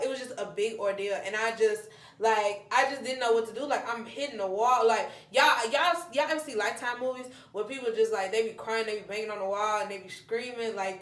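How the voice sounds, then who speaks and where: A woman's voice: mid-range voice, echoey room. Chatty young woman telling a story. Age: 20s. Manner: animated, addresses viewers as y'all, acts out quotes. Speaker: vlogger. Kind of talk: casual storytelling chat.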